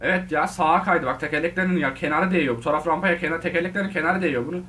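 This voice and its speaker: A man giving casual, excitable commentary on his gameplay, talking straight to his viewers and shouting at the game. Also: a little high, rapid-fire, distant mic, a little hiss or hum. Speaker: gaming video host.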